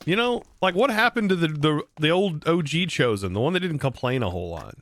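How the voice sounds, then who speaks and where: A man's voice: fairly high pitch, very animated, brisk, fairly bright tone, no room sound. A man in his thirties from the United States, rambling and joking with his viewers while he plays. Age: 30s. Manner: rambling, joking, talking to chat between actions. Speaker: live streamer. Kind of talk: casual gameplay chat with viewers.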